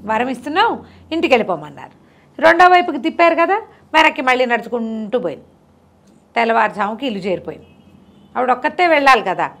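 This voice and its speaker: A woman's voice: on the high side, quick pace, pauses often. Chatty woman telling a folk tale. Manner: lively, chatty, asides to the listener. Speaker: storyteller.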